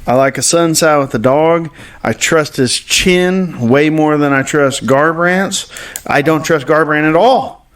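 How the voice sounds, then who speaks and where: A man's voice: on the high side, a little slow, fairly bright tone, distant mic. A man co-hosting a podcast, giving opinionated fight picks in casual chat with frequent fillers. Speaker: podcast co-host. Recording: echoey room, off mic.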